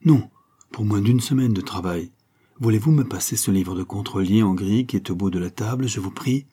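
Man reading as a keen young sailor guy, dark husky voice, lovestruck. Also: lowish voice, moderate pace. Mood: earnest. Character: young sailor turned writer, eager and devoted. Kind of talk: audiobook character reading.

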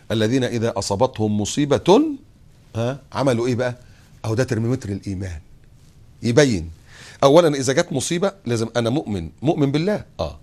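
A man preaching a sermon in an Egyptian accent, acting out short everyday dialogues and dropping to a hushed tone for quotations. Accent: Egyptian Arabic. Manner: lively, acts out little dialogues, drops to a low hush for quotes.

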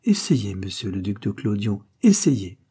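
A man's voice: on the low side, big pitch swings, unhurried, warm tone, slightly rough, full character voice. A man reading an audiobook, voicing a scornful, domineering creole woman who talks in a cold, mocking tone. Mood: commanding. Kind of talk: audiobook character voice.

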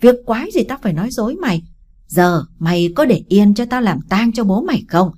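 A woman reading an audiobook, voicing a harsh older stepmother who scolds and shouts with contempt. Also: fairly low pitch, animated, fairly quick, slight background noise, lightly acted. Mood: shouting.

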